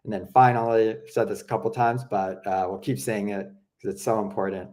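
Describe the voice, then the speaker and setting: A product presenter with a relaxed, low-pitched voice gives a casual walkthrough of some software. He talks fairly quickly and chattily, filling his speech with "you know" and "um."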